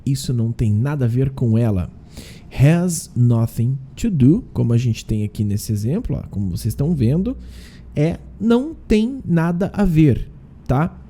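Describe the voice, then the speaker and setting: A man teaching a relaxed online lesson in a lively, animated voice. His tone is deep and mellow. He explains step by step and keeps checking that listeners follow. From Brazil. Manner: explains slowly, drills pronunciation, asks "né?" and "tá?". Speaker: English teacher.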